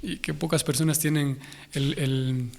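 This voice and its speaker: A man's voice: a little high, fairly even intonation, measured pace, creaky, darkish tone. A young man with a Honduran Spanish accent, a guest in an interview, speaking thoughtfully and often restarting as he searches for words. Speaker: interview guest, Hare Krishna devotee. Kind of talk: conversational interview.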